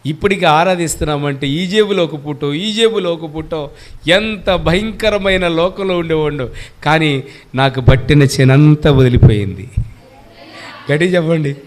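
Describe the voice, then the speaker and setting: High-voiced man preaching emphatically. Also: normal speed. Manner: emphatic preaching, questions the congregation and urges them to answer aloud. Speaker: pastor. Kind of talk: Good Friday sermon.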